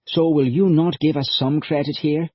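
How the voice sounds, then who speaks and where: A man's voice: on the high side, moderate pace, husky, no echo, voice pushed up. A man doing an eager young time-traveller. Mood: persuasive. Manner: lively, folksy, persuasive. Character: young Irish male time-traveller, earnest, chatty. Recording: dull lo-fi audiobook recording.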